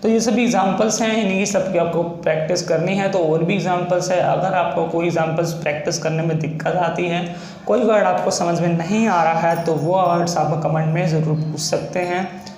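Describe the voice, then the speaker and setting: A man teaching a shorthand lesson, slowly and patiently spelling out each sound step by step. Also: high voice, fairly even intonation, a little mellow. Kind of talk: classroom-style lesson. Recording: echoey room with faint ambient noise.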